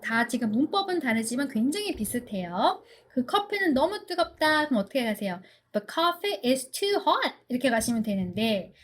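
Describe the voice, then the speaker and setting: A woman giving an online English grammar lecture, asking check-in questions and reading English example sentences slowly and carefully. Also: sits high.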